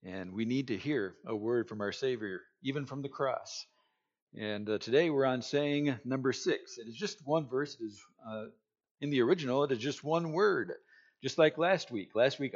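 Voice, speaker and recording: A male pastor preaching a sermon with earnest emphasis, slowing down to stress key phrases. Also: lo-fi sound. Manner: earnest preaching, building in force and pitch as he goes. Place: church, streamed online during a lockdown.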